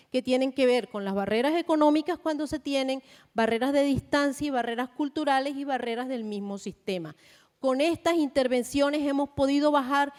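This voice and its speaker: Colombian woman, conference speaker, fairly high voice, long hall echo, deliberate. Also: darkish tone. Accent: Colombian Spanish. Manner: measured, deliberate, with frequent fillers. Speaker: panel speaker. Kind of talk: conference presentation.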